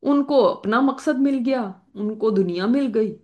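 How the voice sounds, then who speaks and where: A woman's voice: a little high, a little slow, lo-fi sound. A woman giving a religious lecture as a Quran teacher, explaining points through worked examples and rhetorical questions.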